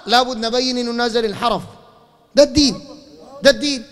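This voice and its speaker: A man with a Sudanese Arabic accent giving a fiery religious lecture, firing rhetorical questions and breaking into shouts. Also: very high voice, quick pace. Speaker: preacher. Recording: long hall reverb.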